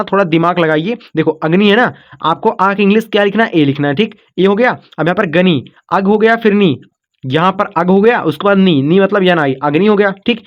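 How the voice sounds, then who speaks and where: Teaching spelling online, this high-pitched man splits words into syllables with patience, says things again and again, and keeps checking on his students with "okay." He addresses them as "kids" and "brother." The audio is dull.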